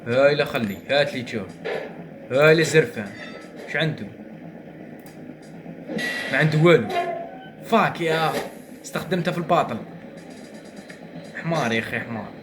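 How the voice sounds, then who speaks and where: A young man with an Algerian Arabic accent, commentating his own gameplay. He grumbles to himself and then bursts into excited shouts. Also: a little high, brisk, long pauses, over music. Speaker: gaming streamer.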